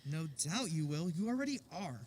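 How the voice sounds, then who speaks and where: A man's voice: a little high, sing-song, normal speed, a little mellow. A man playing a playful professor father with a mid-Atlantic accent in a staged concert reading of a musical, speaking in a theatrical, declaiming way. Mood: fond.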